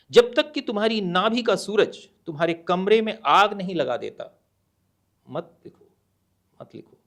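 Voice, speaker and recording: A middle-aged man, a guest author on a podcast, speaking in a measured, deliberate way and mixing Hindi and English, with hesitant pauses. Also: sits high, fairly bright tone. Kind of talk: podcast interview, reading a poem aloud.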